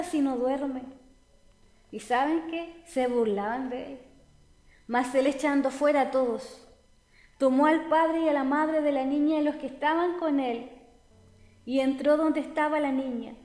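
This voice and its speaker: A woman preaches in a high, earnest voice, speaking straight to her listeners. Her words ring with a long reverb, with soft music beneath. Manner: earnest, direct address to listeners with pauses. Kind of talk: sermon. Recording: echoey hall with soft music. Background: soft background music.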